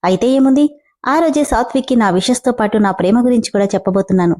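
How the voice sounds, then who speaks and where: A woman's voice: a little high, quick pace, warm tone, lightly acted. A woman reading the lines of a young woman determined to confess her love. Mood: earnest. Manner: earnest, determined.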